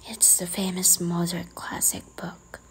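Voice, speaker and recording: A woman in a whispered role-play, playing a strict, teasing librarian who quietly scolds a careless visitor. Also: fairly low pitch, flat delivery, unhurried, close to an everyday voice, low-quality recording. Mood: hushed, teasing menace.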